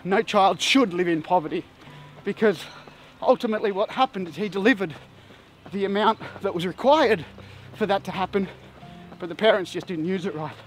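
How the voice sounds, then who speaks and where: A man talks straight to camera in an animated, emphatic storytelling style. His voice sits high for a man. Soft music plays faintly under him. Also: moderate pace. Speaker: vlogger. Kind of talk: casual storytelling monologue.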